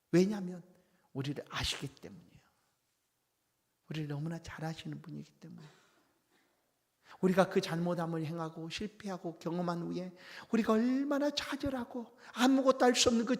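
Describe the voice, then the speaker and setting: A male pastor preaching a sermon, swinging from hushed whispers to loud, impassioned outbursts. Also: high voice. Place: church sanctuary. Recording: long church hall reverb.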